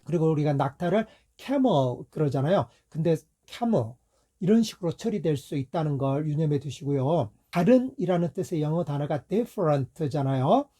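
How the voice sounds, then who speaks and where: A middle-aged Korean man teaching English pronunciation calmly, saying each word two ways to contrast them. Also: fairly high pitch. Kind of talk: explanatory lesson.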